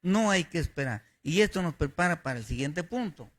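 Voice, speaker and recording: A man's voice: fairly high pitch, animated, fairly quick, a bit bright. A male pastor preaching a sermon, emphatic and repeating his key phrases.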